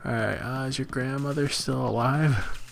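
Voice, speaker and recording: A man giving casual, jokey gameplay commentary, animated and often yelping in surprise. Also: mid-range voice, normal speed, creaky, slight background noise. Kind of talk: casual let's-play commentary. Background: game music.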